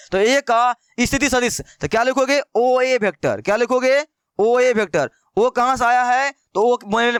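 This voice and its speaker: A man's voice: very high-pitched, fairly bright tone, clear, resonant tone, no echo, studio quality. A man teaching maths in a casual, chatty way, repeating questions to his students and calling them brother. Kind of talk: casual Hindi maths lesson.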